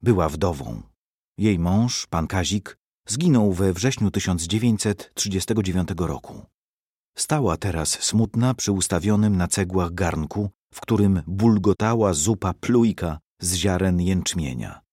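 A man reading a story aloud in a dramatic, expressive narration. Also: deep voice, measured pace, slightly rough, dry recording, studio quality.

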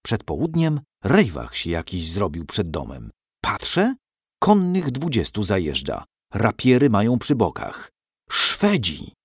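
Male storybook narrator, low and very animated, dry close recording. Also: unhurried, slightly rough, no room sound. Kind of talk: storybook reading.

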